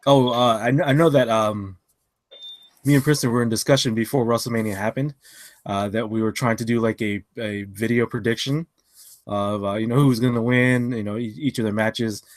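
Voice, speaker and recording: A man in a casual podcast chat, worn out after a twelve-hour shift. He rambles, stacking up fillers and restarting his sentences. The sound is dry and close, with an ordinary middle pitch. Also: fairly even intonation, a little fast, no room sound. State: tired after a long shift. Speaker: podcast co-host.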